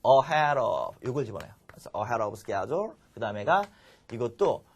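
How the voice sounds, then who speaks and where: A man's voice: medium pitch, lively intonation, normal speed, breathy edge. A man teaching an English vocabulary lecture, drilling listeners with call-and-response repetition.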